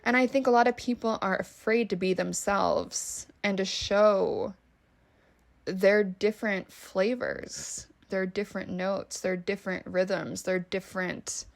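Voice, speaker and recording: A woman's voice: medium pitch, fairly even intonation, a little slow, vocal fry. A woman with a Valley Girl accent, hosting a solo podcast in a casual, emphatic way, swearing freely and saying "like" a lot. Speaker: podcast host.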